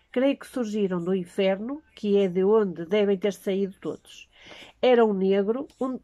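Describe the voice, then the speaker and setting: A woman reads a first-person story aloud in a mellow, warm voice. Her pace is steady, with a few slips and restarts. The sound is close and dry. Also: medium pitch, no room sound. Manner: steady reading with small slips.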